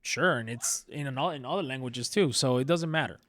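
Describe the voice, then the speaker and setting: A man's voice: medium pitch, a little fast, a bit bright, no room sound. A man born in Cuba, co-hosting a podcast in a casual, rambling chat full of laughs and restarts. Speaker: podcast co-host.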